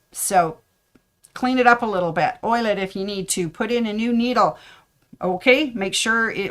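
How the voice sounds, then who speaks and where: Chatty, slightly hoarse woman. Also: medium pitch, fairly bright tone. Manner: chatty, rambling with fillers and asides. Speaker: sewing shop host. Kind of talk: casual tips video.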